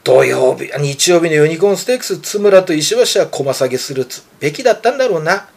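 This man in his fifties talks racing tips in a loose, joking, coarse-mouthed way. His voice sits high for a man and swings all over, and he rattles along quickly. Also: animated, gravelly. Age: 50s. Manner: rambling, joking, coarse banter. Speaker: horse racing pundit. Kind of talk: casual podcast chat.

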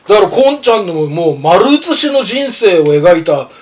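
An older man with a high, very lively voice, talking in a gruff, teasing, lecturing way. He is a seasoned racing pundit chatting on a radio show and telling animated stories. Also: normal speed. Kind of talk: casual radio chat.

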